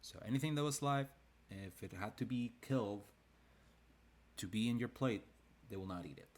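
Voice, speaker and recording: Here an illustrator who hosts design videos, with a lowish voice at normal speed, casually chats while drawing a comic on a live stream. He rambles somewhat and keeps restarting what he says.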